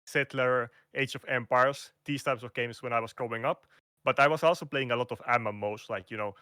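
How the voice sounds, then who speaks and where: Finnish-accented man, bright and dry. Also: mid-range voice, brisk, no echo. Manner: hesitant, restarts and fillers, non-native phrasing. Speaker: guest content creator. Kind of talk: casual interview over a call.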